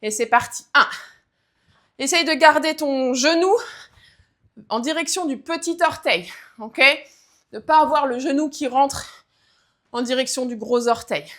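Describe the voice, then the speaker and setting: A woman's voice: high voice, unhurried, pauses often, a bit bright. A woman leading a guided leg workout, counting reps and cueing form as she exercises. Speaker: fitness coach.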